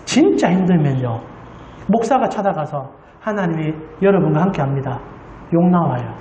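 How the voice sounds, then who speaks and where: A woman's voice: low-pitched, animated, moderate pace, mellow, highs cut off, slight background noise. Impassioned woman pastor in an echoing church. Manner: impassioned, with rhetorical questions to the congregation. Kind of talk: Sunday sermon. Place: church sanctuary. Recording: roomy church hall echo.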